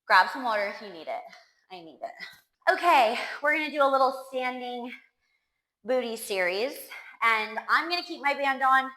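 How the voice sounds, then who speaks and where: An upbeat woman leads a pilates class, counting down reps with cheers. Her voice is bright and forceful, set fairly high and paced slowly. The sound carries the echo of a room. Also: animated. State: winded. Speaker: pilates instructor. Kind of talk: workout class cueing.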